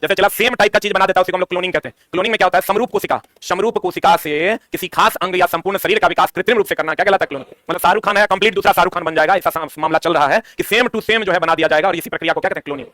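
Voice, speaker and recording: A man's voice: high voice, racing, hardly any pauses, pushed and bright, dry recording. A man, teaching an exam-prep science lesson, asking questions and answering them himself. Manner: quizzing, asks and answers his own questions.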